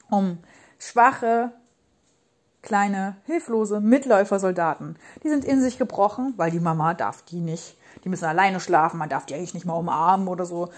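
A woman in her thirties, a parenting coach, hosts a casual monologue podcast, talking passionately and rambling with emphatic repetitions. Her mid-range voice is a little mellow, captured on a podcast microphone.

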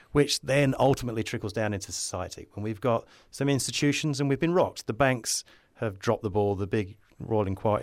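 This man's fairly low voice comes through with studio quality and no echo. An advertising creative appearing as a podcast guest, he talks casually in an interview, rambling and musing with upbeat optimism and enthusiasm.

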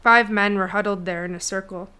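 A woman narrating a fantasy novel chapter in a steady storytelling read. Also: medium pitch, fairly quick, clear, resonant tone. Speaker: audiobook narrator. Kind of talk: scripted fiction narration.

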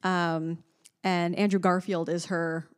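A young woman co-hosting a casual chat, excitable and quick to gush, leaping up in pitch when delighted. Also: clean tone. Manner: chatty and excitable, jumps high when delighted.

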